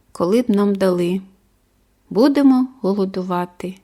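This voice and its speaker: Brief: female audiobook narrator, measured and expressive, a bit higher-pitched voice. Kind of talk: scripted first-person story narration.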